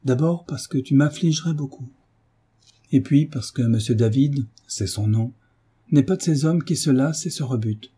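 A man reading a novel aloud, voicing a gentle mother who pleads tenderly but stays firm with her son. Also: medium pitch, moderate pace, husky.

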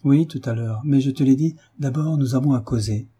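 A man reading a novel aloud, voicing a gentle mother who pleads tenderly but stays firm with her son. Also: medium pitch, a little fast, slightly rough.

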